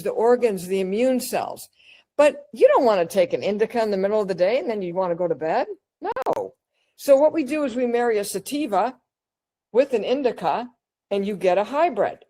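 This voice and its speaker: A woman with a slightly high voice delivers an energetic, chatty lecture on cannabis wellness over slides, posing questions to her audience and acting out little scenes. The audio quality is poor.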